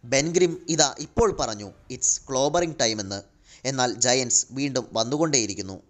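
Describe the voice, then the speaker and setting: A man's voice: mid-range voice, moderate pace, close to an everyday voice. A man voicing an exhausted male vigilante hero, strained and overwhelmed, in a comic retelling. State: weary, overwhelmed.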